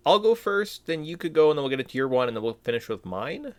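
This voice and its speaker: Fast and a little high, this man's voice swings widely in pitch on a dry recording. He's a podcast co-host in casual chat, talking enthusiastically and using lots of fillers.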